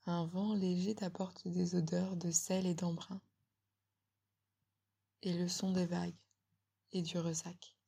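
Female, breathy close-up whisper right in the ear, ASMR guided meditation, slow and soothing, slightly crackly. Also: on the low side, flat delivery. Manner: slow, soothing, gently instructing.

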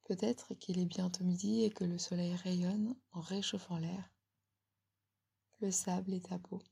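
A woman giving a slow, soothing guided relaxation in a breathy ASMR whisper, very close, as if right in the listener's ear. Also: on the low side, fairly even intonation. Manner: slow, soothing, gently instructing.

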